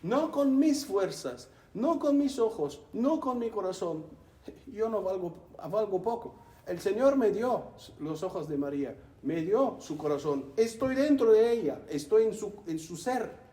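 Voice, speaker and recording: A man's voice: high-pitched, expressive, measured pace, mellow, echoey room, voice pushed up. A man voicing a humble, devout male saint who speaks earnestly and plays himself down. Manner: earnest and self-effacing.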